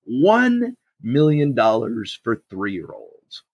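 Gravelly, raspy man hosting a podcast. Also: medium pitch, huge pitch swings, extremely slow, a little mellow, no room sound, muffled recording. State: raspy, strained throat. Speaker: podcast co-host. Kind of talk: casual podcast banter.

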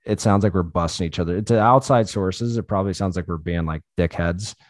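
A man's voice: sits low, fairly quick, no echo. A man telling stories in casual chat, loose and profane, laughing often as he talks.

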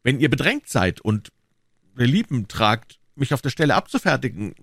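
A man's voice: medium pitch, big pitch swings, normal speed, fairly bright tone, breathy edge, no echo, clean studio sound, pitched above the performer's own voice, exaggerated voice. A man reading aloud, voicing a polite, brave young male swordsman in a raised voice. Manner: polite, formal.

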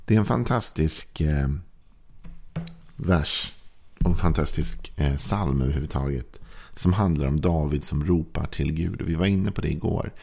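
A male pastor giving a calm, reflective devotional sermon, reading scripture and pausing often with fillers. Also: rumbling low, vocal fry, slightly rough.

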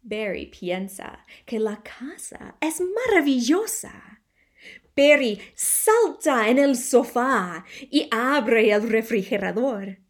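A woman reading a children's storybook aloud for language learners, slowly and expressively. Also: a little high. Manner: slow, carefully spelled-out, expressive reading.

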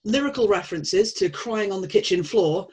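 Female presenter, breathy tone, analytical scripted delivery. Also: mid-range voice, animated, moderate pace, a little mellow, low-quality recording.

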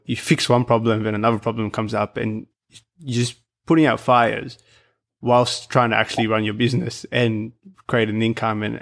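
Male host, average pitch, casual and meandering. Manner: hesitant, thinking aloud. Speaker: podcast host. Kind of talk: casual interview.

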